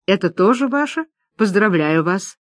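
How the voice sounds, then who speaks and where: Polite male croupier voiced by a narrator, formal announcing, audiobook, middle pitch, dry close sound. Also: expressive, normal speed, no echo, lightly acted.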